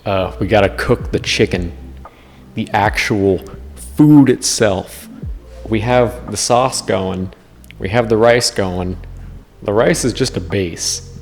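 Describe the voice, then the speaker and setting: Giggly drunk man, low-voiced, in a reverberant room. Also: takes it slowly, creaky. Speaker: host of a drunk cooking video. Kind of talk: casual cooking vlog chat. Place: indoors in a kitchen. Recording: reverberant room, music behind.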